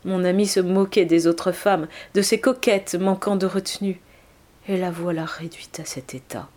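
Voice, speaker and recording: A woman reading as a loyal female friend from an old tale, gentle and soothing. She keeps a lowish, calm voice. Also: moderate pace, close to an everyday voice. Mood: tender.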